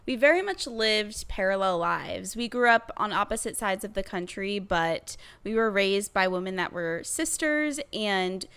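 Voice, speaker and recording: Clear, bright young woman co-host. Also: medium pitch, animated, unhurried, hardly any pauses. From Massachusetts, US. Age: 20s. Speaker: podcast co-host. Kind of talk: casual chat.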